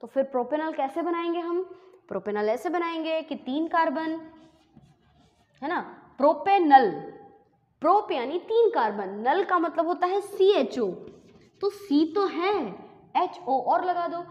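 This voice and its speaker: A woman teaching chemistry step by step, asking questions and then answering them herself, often adding a quick 'है ना'. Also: very high-pitched, expressive, darkish tone. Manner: explains step by step, asks and answers her own questions. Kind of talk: classroom lesson. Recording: dull, lo-fi recording with long reverb.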